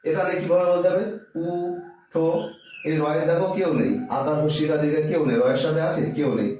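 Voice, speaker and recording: A man with a slightly high voice gives a patient reading lesson for children. He sounds out syllables one at a time and answers his own questions. He is recorded some way from the mic in a very echoey room. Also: racing, darkish tone, recorded from a distance, faint music behind. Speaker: teacher.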